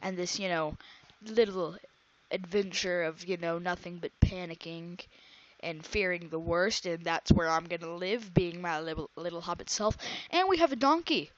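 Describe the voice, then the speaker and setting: A woman's voice: on the low side, moderate pace. Rambling young woman gaming, dull lo-fi mic. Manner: rambling and melodramatic. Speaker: gaming YouTuber. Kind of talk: casual let's-play commentary. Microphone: desk microphone close to her breathing.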